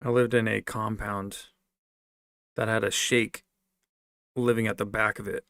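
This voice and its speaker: In a level, smooth, creaky voice on the low side, a military-family-raised American answers viewer comments at a measured pace, his tone a bit bright. He talks off the cuff, meandering and repeating phrases. The studio recording has no room sound.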